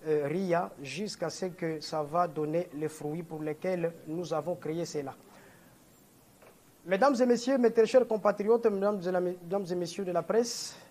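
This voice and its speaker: A man from Kongo Central in DR Congo, speaking with a Congolese French accent, makes a statement at a press conference as the leader of a political movement. His high voice is a little mellow, and he sounds earnest, often correcting and repeating himself.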